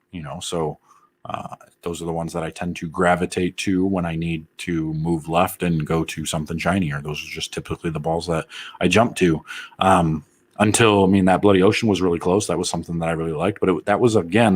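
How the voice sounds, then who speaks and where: A man with a deep, slightly husky voice hosts a casual live stream. He rambles, cracks jokes and reads viewer comments aloud as he goes. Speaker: bowling channel host answering live chat.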